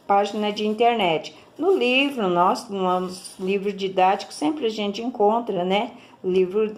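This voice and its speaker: A woman's voice: mid-range voice, a little mellow. A Brazilian woman teacher, giving a recorded lesson and explaining each step patiently, checking in often with her pupils. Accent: Brazilian Portuguese.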